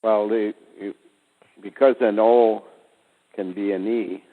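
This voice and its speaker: A man in casual conversation, giving slow, deliberate explanations of wordplay over the phone. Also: fairly low pitch, fairly even intonation. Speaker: guest speaker. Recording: tinny phone line with reverb.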